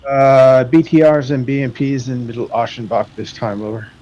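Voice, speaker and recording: A man's voice: mid-range voice, steady tone, moderate pace, dark tone, highs cut off. A man playing a military simulation game, giving terse tactical reports over voice comms.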